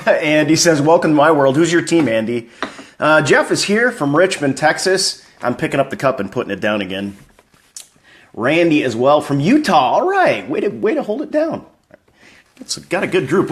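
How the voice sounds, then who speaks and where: Male sports-fan streamer, slightly higher voice, animated and chatty, reading chat comments live. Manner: upbeat, chatty, greeting viewers by name.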